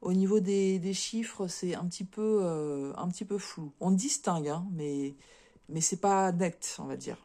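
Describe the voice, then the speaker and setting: A woman's voice: lowish voice, unhurried, dark tone. A French woman chatting casually as a craft vlogger, showing and unboxing cross-stitch kits, with lots of fillers and repeated words.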